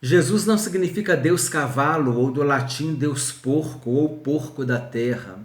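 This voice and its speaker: A man's voice: a little high, a little slow. Bible teacher man in an echoey room. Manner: explanatory, many restarts and repeated words. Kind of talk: recorded video lesson.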